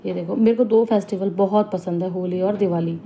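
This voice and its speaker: Young woman, chatty home vlogger, mid-pitched, clear background noise in the recording. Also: steady tone, brisk. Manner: chatty, homely storytelling. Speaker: family vlogger. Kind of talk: casual vlog narration.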